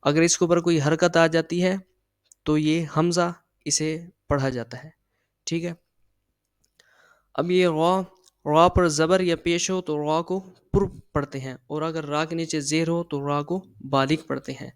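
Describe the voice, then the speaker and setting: A man teaching a Quran reading lesson, patiently explaining and slowly drilling syllables aloud. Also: fairly high pitch, smooth, no echo.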